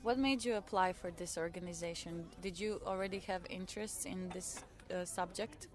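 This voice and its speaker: A woman's voice: lowish voice, normal speed. A woman hosting a radio interview, reading an introduction and then asking her guests short, simple questions. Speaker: radio host.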